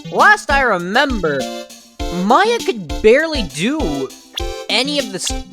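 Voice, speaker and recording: A woman reading the part of a flustered young male defense lawyer, blurting lines as she plays through a visual novel over loud game music. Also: a little high, big pitch swings, unhurried, voice pushed up. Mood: blunt.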